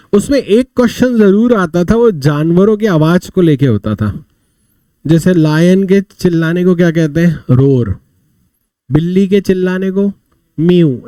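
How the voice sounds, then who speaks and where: Animated male teacher. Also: high-pitched, no echo. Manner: animated storytelling with mnemonics, asking and answering his own questions. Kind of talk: live online vocabulary class.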